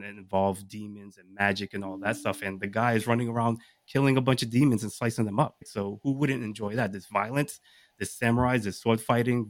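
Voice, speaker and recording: A man with a fairly low voice and no echo co-hosts a podcast, chatting casually and enthusiastically as he pitches his list of picks to the group. He tends to toss out rhetorical questions along the way.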